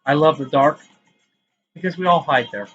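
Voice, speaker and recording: Man, poet reading his own work, casual vlog, self-mocking asides, slightly high voice, dull lo-fi audio. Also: normal speed, a bit bright, faint music behind. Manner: rambling, self-mocking asides between poems.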